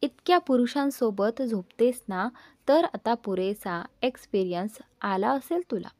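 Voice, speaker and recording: A woman's voice: on the high side, animated, a little slow, a little mellow, no echo. A woman voicing a jealous young man who speaks in a cutting, sarcastic way to his lover.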